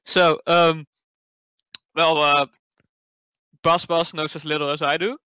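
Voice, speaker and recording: A man's voice: fairly high pitch, little pitch movement, slow pace, bright, forceful tone, smooth, no room sound, poor audio. A man with a Dutch accent, a guest in casual online chat, hesitant with many fillers and restarts. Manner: hesitant, lots of fillers and restarts, laughs easily.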